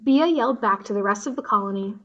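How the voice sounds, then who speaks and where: A woman narrating a storybook in an expressive, descriptive reading. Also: medium pitch, quick pace, highs cut off.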